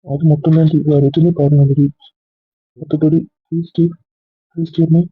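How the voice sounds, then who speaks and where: A pleading, insecure young boyfriend, played by an actor, with a husky, fairly high voice. He coaxes and begs. The sound is thin and phone-like, and dry. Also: level tone, normal speed. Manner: coaxing, pleading. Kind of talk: web drama acting.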